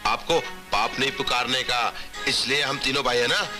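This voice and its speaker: A man's voice: mid-range voice, normal speed, close to an everyday voice. A man voicing a goofy, clumsy grown son who stumbles over his words. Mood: cheeky. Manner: cheeky, stumbling. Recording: loud music behind.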